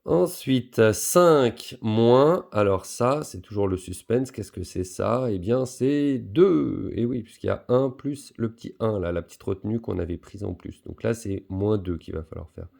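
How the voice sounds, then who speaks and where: A man teaching a recorded primary school lesson, patiently explaining step by step with a lively, rising and falling delivery. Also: on the low side, unhurried, creaky, hardly any pauses.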